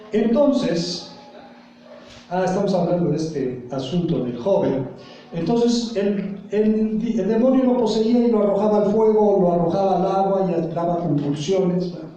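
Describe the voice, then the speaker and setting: Male pastor, high voice, quizzes the flock mid-sermon, booming echo off the walls. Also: warm tone, far from the mic. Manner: asks the congregation questions and leaves blanks for them to fill. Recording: very echoey room, voice from off the mic.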